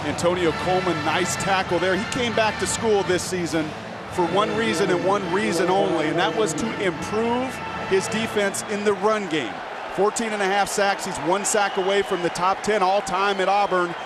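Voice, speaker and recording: A man's voice: high voice, fairly even intonation, normal speed. A man giving live American football analysis in clipped, punchy phrases as a broadcast commentator. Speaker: colour analyst. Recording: loud stadium crowd noise. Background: roaring stadium crowd.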